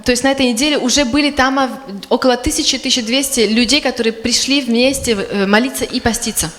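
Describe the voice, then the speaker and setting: Female live sermon interpreter, fairly high voice, halting delivery, long hall reverb. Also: fairly bright tone. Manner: halting, with repeated word starts. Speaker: consecutive interpreter for a preacher. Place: large reverberant hall, through sound system.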